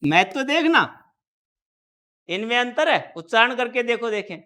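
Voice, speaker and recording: A man's voice: very high voice, sing-song, measured pace, pushed and bright, clear, resonant tone. A man teaching Hindi grammar in a classroom lecture. He explains step by step, keeps quizzing the students with repeated questions, and draws out syllables when he sounds out example words.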